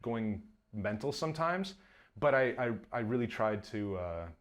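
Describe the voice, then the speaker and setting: A man's voice: mid-range voice, lively intonation, a little slow. A man in his thirties, a film director talking in a casual interview, rambling with lots of fillers. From Canada. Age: 30s. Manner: rambling, many fillers and restarts.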